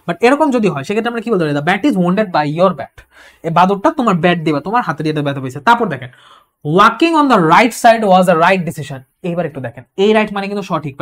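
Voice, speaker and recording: Patient woman tutor. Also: mid-range voice. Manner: explains patiently, repeats key points, checks in with listeners; reads English example sentences slowly. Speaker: English tutor. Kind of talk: online exam-prep lecture.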